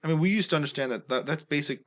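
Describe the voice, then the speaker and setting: A man's voice: a little high, rapid-fire. A young man co-hosting a podcast, talking casually and bluntly in a laid-back way. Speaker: podcast co-host. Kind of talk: casual chat.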